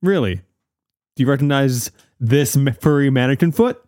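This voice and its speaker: A man's voice: mid-range voice, normal speed, darkish tone, no echo, clean studio sound, close to an everyday voice. A man playing an earnest, insistent TV news investigative reporter in a mock-serious parody report. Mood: probing.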